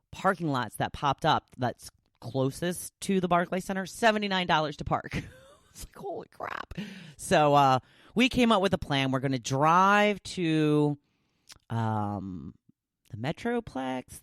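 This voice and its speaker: Excitable woman podcast host, dry sound. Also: sits low, a little slow, dry recording. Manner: excitable, gushing, acts out quoted people. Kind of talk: casual solo podcast chat.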